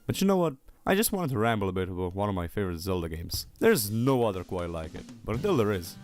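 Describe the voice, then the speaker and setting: A man delivers a casual, scripted video game review with a very lively, swinging pitch. His manner is sarcastic and joking, and music plays clearly behind his voice. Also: quick pace.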